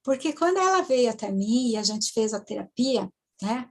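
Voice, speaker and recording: Halting woman telling a case story. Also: fairly high pitch, big pitch swings, darkish tone. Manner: halting, many tag questions and restarts. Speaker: hypnotherapist. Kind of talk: storytelling lecture to students.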